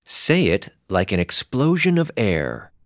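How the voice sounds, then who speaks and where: A man giving clear, deliberate scripted phonics instructions as a teacher. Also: lowish voice, huge pitch swings, no room sound, studio quality.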